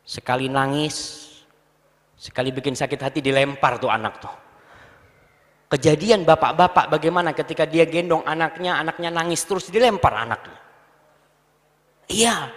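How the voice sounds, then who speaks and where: A man preaching a sermon to a congregation, swinging from low murmurs to high, emphatic bursts. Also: fairly bright tone. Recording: long hall reverb.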